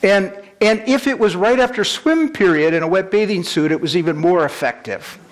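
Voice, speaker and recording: A man preaching a sermon, earnest and storytelling, slowing down for emphasis. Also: high voice, animated.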